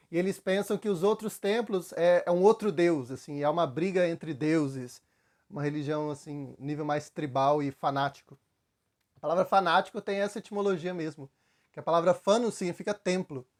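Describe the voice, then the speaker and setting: A man with a Brazilian Portuguese accent giving a relaxed, conversational spiritual talk, telling stories with frequent fillers. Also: sits high. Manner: relaxed storytelling with frequent fillers, acts out quotes. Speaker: spiritual teacher.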